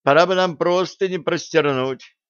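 A man's voice: fairly high pitch, moderate pace, fairly bright tone, smooth, no room sound, lo-fi sound, voice pushed up, lightly acted. A man voicing a young female elf who talks in a languid, scheming way. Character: dreamy young female elf, mistress of the cat.

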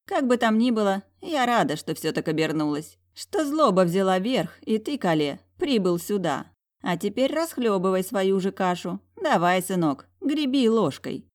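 A woman's voice: mid-range voice, very animated, normal speed, voice pushed up, lightly acted. A woman voicing a stern old dragoness aunt who scolds and grumbles at her nephew. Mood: grumbling.

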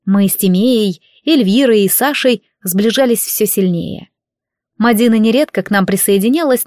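A woman narrating a novel in the first person, in a lively storytelling manner. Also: medium pitch, dry recording, clean studio sound. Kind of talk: audiobook narration.

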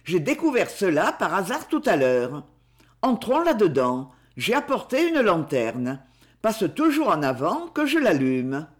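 A man voicing a calm, smooth-spoken scheming young man who talks in a measured, polite way. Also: high voice, heavily acted.

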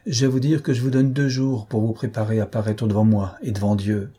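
Man playing a grim proud swordsman, slow and solemn, dark husky voice. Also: on the low side, level tone. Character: grave proud male swordsman, solemn and wounded.

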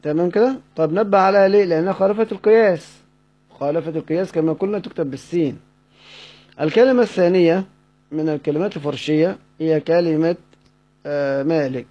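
A man's voice: on the high side, quick pace. A man with an Egyptian accent giving a recorded lecture, asking his students questions, answering them himself and repeating the key points. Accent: Egyptian Arabic. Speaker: teacher. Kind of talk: recorded lecture explaining a text. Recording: dull lo-fi recording.

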